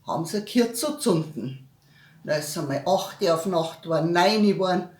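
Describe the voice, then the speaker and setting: A woman's voice: fairly low pitch, normal speed, reverberant. A woman comedian with a Bavarian accent, telling a joke at home in dialect. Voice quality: lively dialect storyteller.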